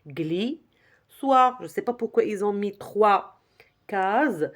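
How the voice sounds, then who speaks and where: A woman teaching a reading lesson to young children, slowly sounding out words and repeating them for the class to echo. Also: mid-range voice, steady tone.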